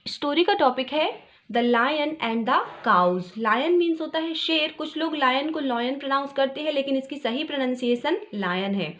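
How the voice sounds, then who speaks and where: A young woman with a notably high voice leads a tutorial lesson. She reads English phrases out slowly, then breaks down each word with patient explanation. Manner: explains word by word, slow when reading English lines aloud. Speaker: English teacher.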